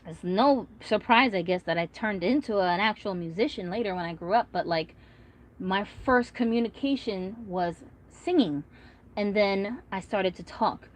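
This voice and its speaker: A chatty, friendly woman who vlogs about doll collecting rambles through a casual livestream, reading comments with frequent fillers. Her mid-range voice moves at a normal speed, and her first language is Korean.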